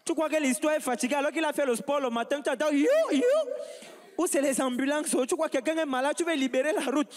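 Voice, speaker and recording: A man doing stand-up and introducing acts on a comedy stage, animated and hyping up the crowd. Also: very high-pitched, fast. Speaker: comedy show host. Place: large stage with live audience. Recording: live stage sound with long reverb.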